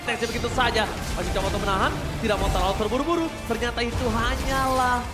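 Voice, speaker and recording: A man with an Indonesian accent commentating a video game like an excited fighting game announcer, with dramatic drawn-out calls and English catchphrases. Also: extremely high pitch. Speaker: esports shoutcaster. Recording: loud music and crowd behind. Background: game music and crowd.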